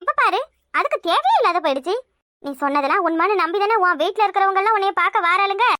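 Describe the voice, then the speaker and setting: A woman voicing a bossy, scheming village mother in a cartoon, with a Kanyakumari Tamil accent, scolding loudly and doting in turns. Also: very high voice, animated, fast, no echo, clean studio sound, heavily acted. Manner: loud, scolding yet doting.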